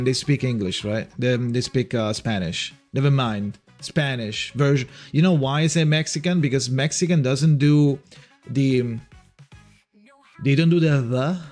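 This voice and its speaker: Italian man chatting on a livestream. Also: medium pitch. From Italy. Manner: rambling, reads chat aloud, frequent restarts. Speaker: livestream host. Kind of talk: casual chat with viewers.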